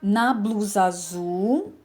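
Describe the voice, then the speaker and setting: Slow patient woman teacher. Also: mid-range voice, a little mellow, soft background music. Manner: patient, slow, clear word-by-word explaining. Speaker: literacy teacher. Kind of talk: online lesson demonstration.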